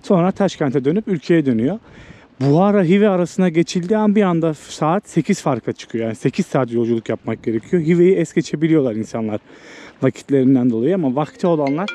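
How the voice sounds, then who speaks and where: Strolling through an old walled town, a male travel vlogger speaks quickly in a warm, somewhat high voice with lively intonation. His informal, unscripted musings are captured amid outdoor city sounds and background noise.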